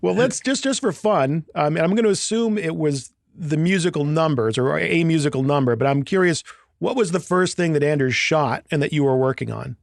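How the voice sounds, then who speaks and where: A man's voice: fairly high pitch, fairly quick, creaky, no room sound, studio quality. A man hosting an interview, asking long, rambling questions with light jokes. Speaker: interview host. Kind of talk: casual interview.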